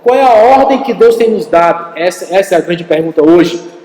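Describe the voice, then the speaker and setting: Male pastor, Brazilian accent, high voice, animated sermon delivery, echoey church hall. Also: a little fast. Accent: Brazilian Portuguese. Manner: animated storytelling preacher, addresses congregation directly.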